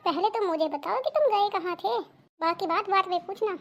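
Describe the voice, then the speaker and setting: A shrill, very high cartoon voice of a fretful, suspicious mother-in-law, voiced by a woman. She worries aloud and throws accusations at her daughter-in-law. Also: moderate pace, fairly bright tone. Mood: accusing. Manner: anxious, accusing. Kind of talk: cartoon dubbing.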